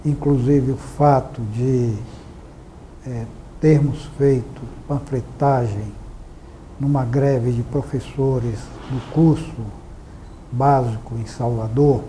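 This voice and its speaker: A man, giving formal, measured testimony about past events. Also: medium pitch, fairly even intonation, mellow, a little hiss or hum, poor audio. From Bahia, Brazil. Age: 60s.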